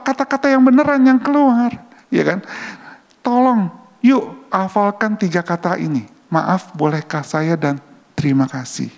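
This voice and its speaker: A man giving a conversational church talk on public relations, often checking in with his listeners with quick rhetorical questions. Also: high voice, darkish tone. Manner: chatty, keeps asking "ya kan?" to the audience. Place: church hall. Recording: long hall reverb.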